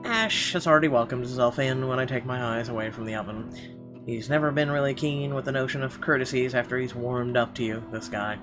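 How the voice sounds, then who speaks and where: Playing through a visual novel, a male let's player voices the game text expressively and throws in offhand commentary. He talks briskly in a mid-range voice over guitar music from the game.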